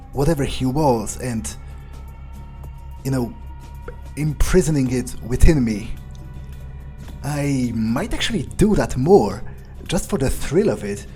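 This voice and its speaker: In a gameplay video, a gamer stays in character as an arrogant, contemptuous male vampire, musing aloud to himself in an improvised monologue. His husky, mellow voice sits at medium pitch, and his phrasing is halting and foul-mouthed, with music in the background.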